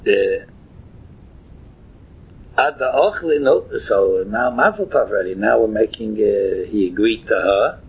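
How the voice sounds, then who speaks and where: A very husky man with a Yiddish accent takes his time leading a religious lesson. He halts, repeats himself and rephrases as he explains the text in an informal, storytelling way. The sound is thin and boxed-in, like a telephone connection. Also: medium pitch. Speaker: Talmud teacher. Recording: muffled, thin phone-like line.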